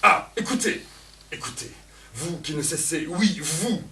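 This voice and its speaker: A man's voice: a little high, lively intonation, measured pace, bright, forceful tone, pitched above the performer's own voice. A man playing Elvire, a scorned and desperate woman in love, declaiming in impassioned outbursts on a theatre stage. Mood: raging. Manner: impassioned, cries out in long outbursts. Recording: echoey theatre, voice from far off.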